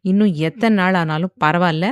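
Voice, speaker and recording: A woman's voice: fairly low pitch, a little fast, clean tone, no echo, dull audio, lightly acted. A woman voicing a teasing, protective young man who speaks in a playful but firm way in a storybook.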